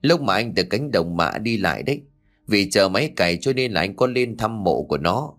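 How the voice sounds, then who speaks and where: A man's voice: on the low side, sing-song, normal speed, a bit bright. A man voicing a shaken young farmer husband in a ghost-story audiobook, talking in a troubled, hesitant way. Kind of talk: audiobook character voice.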